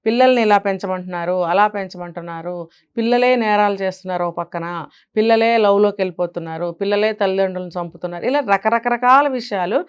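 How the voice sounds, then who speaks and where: Smooth-voiced woman giving emphatic advice. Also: medium pitch, fast, highs cut off. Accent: Telugu. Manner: emphatic, rhetorical questions. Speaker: parenting guest speaker. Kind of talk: advice interview.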